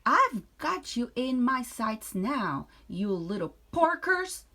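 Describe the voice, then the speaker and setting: A woman's voice: a little high, sing-song, slow, bright, forceful tone, voice pushed up, heavily acted. A woman voicing a greedy, impatient old witch who screeches and cackles. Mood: cackling.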